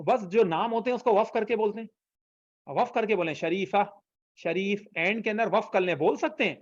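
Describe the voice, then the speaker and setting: A man's voice: high-pitched, no room sound, dull audio. A man teaching an online language class, patiently repeating phrases for students to copy. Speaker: Arabic teacher.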